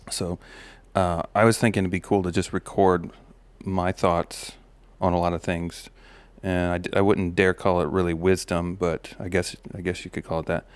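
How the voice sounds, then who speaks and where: A podcast host with a deep, flat voice and a slight gravel muses aloud in a reflective personal monologue. He's an adult father of a daughter, speaking at normal speed in a relaxed way, with many fillers and restarts, and the recording has no echo.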